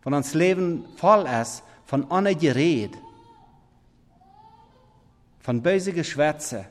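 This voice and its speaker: A man preaching a sermon in halting, non-standard German, swinging between loud emphatic scripture reading and quiet murmured asides. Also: a little high, animated. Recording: long reverb of a big hall.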